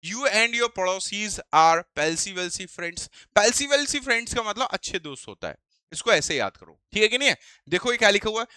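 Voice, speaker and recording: A male teacher explaining vocabulary in Hindi and English, who asks rhetorical questions and reads English phrases slowly. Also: sits high, very animated, sharp tone, clear, resonant tone, no room sound, studio quality.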